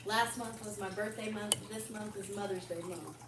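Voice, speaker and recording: A woman's voice: mid-range voice, fairly even intonation, normal speed, distant mic. A woman bantering playfully with the host, teasing him, from across a home garage. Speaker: family member joining the stream. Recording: roomy garage, off mic, noisy.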